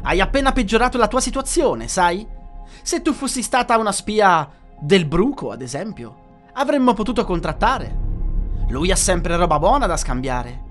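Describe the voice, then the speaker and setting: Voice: medium pitch, sing-song, moderate pace, fairly bright tone. A narrator voicing a cruel, domineering heavyset queen who interrogates and threatens a prisoner, over faint music. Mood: cruel imperious. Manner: imperious, interrogating, scornful.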